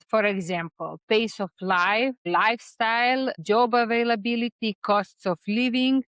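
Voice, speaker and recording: Young woman from Serbia, vlog host, unhurried and chatty, mid-pitched voice, close and dry. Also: fairly bright tone, no room sound. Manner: unhurried, with frequent fillers and restarts. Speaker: expat life vlogger. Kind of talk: casual explainer talk to camera.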